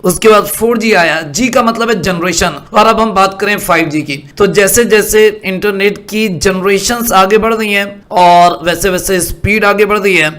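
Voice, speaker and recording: A man's voice: high-pitched, moderate pace, hardly any pauses, fairly bright tone. A man giving stock market commentary over a screen share, explaining patiently and often checking that the listener is following. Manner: explanatory, asks "are you following me" often.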